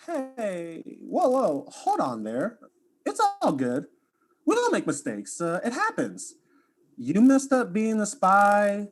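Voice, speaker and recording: A man's voice: sits high, huge pitch swings, slow, exaggerated voice. An actor playing a laid-back young male video streamer in a student audio drama, talking in casual slang.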